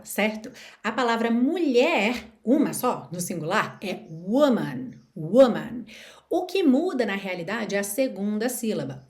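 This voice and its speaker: A woman with a Brazilian accent teaching English pronunciation through song lyrics. She reads English lines slowly and carefully, and often checks in with her listeners. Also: on the high side. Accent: Brazilian Portuguese. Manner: checks in with tag questions.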